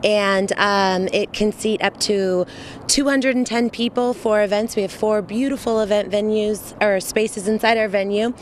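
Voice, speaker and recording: A woman who runs an event venue, speaking enthusiastically but haltingly, with many fillers, in a live outdoor news interview. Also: mid-range voice, fairly even intonation, a little hiss or hum. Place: outdoor patio.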